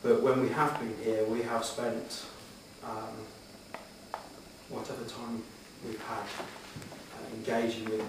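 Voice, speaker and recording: A middle-aged man giving earnest, slightly hesitant answers in a formal interview before a room, with measured phrasing. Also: mid-range voice, flat delivery. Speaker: job applicant answering interview questions. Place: echoey meeting room, addressing the room. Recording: very echoey hall, distant mic, background noise.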